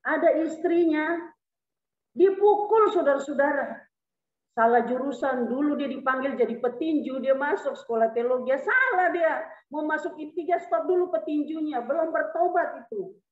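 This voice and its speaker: A woman's voice: high voice, normal speed. A woman pastor preaching a sermon with humor, acting out little scenes as she goes. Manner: lively preaching with humor and acted asides. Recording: echoey hall, phone-like sound.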